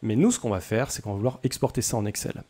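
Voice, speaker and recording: A man's voice: fairly low pitch, fast, dark tone, husky. A young man hosting a casual coding tutorial, chatty and self-deprecating, with many hesitations.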